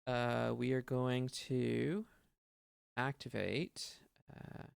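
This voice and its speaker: A man's voice: medium pitch, little pitch movement, extremely slow, creaky, clear, resonant tone, no room sound, studio quality. A man running a tabletop game as game master, hesitant and thinking aloud with many fillers.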